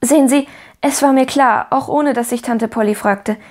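Talking a little fast in a lightly acted voice, a woman plays a cheerful, optimistic little orphan girl who speaks eagerly and pleadingly with a raised voice. The delivery is bright, higher and full of eagerness.

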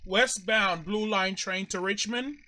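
A man's voice: high-pitched, unhurried, sharp tone. A man giving formal, repetitive, scripted announcements as a train announcer.

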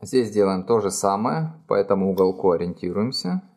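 A middle-aged man calmly explaining each fold in a step-by-step origami tutorial, recorded indoors at a table. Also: lowish voice, fairly quick. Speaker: origami instructor. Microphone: overhead camera framing hands only.

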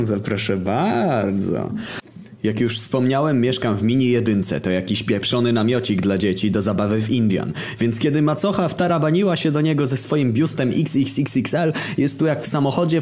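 A man's voice: mid-range voice, a little mellow. A man reading a comic story aloud, with sardonic asides and exaggerated turns.

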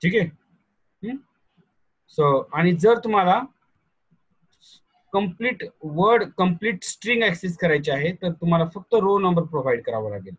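A male programming teacher with a Marathi accent giving an online class over a video call, quizzing students and dictating notes slowly. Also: high voice, lively intonation, a bit bright, husky, no echo, highs cut off.

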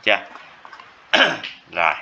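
Male teacher, lowish and forceful, keeps repeating and checking in with students; muffled lo-fi classroom capture. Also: wildly swooping pitch, slow pace, creaky. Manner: repetitive, checks in with students often. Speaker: math teacher. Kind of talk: classroom lecture. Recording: dull lo-fi classroom recording with faint noise.

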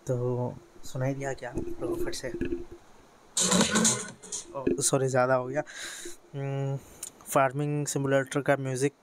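A man's voice: mid-range voice, completely flat delivery, a little slow, long pauses, over loud music. A teenage boy from India talks through a mobile game tutorial in a casual, rambling way, full of fillers and self-corrections. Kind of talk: casual screen-recorded tutorial. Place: bedroom with a fan running.

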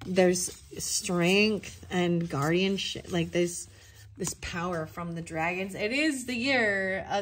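A young woman giving a casual tarot reading, thinking aloud and often breaking into excited exclamations. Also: lowish voice. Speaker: tarot reader.

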